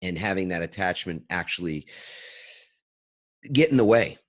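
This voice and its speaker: A man with a very low-pitched voice, hosting a conversational interview. He reflects as he talks, circling and restarting phrases while he works toward his point. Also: lively intonation, normal speed. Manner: reflective, thinks aloud with restarts. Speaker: podcast host.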